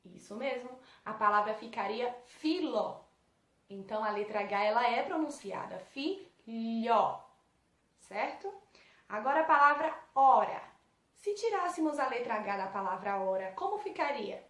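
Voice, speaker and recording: Woman, Brazilian Portuguese accent, teacher, patient, fairly high voice, echoey room. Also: animated, normal speed, a bit bright. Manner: patient, asks pupils questions and answers them. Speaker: primary school teacher. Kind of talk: correcting homework for young pupils.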